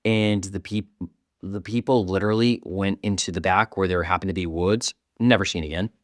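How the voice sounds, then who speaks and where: A young man co-hosts a casual podcast chat, rambling with restarts and casual swearing. His low voice holds a steady tone at normal speed, recorded dry with clean studio sound.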